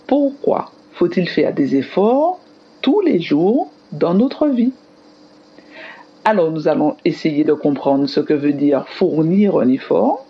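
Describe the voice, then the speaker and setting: A woman teacher giving a scripted radio lesson to children in an expressive, explanatory manner. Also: on the low side, creaky, breathy edge, dull audio. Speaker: primary school teacher on radio.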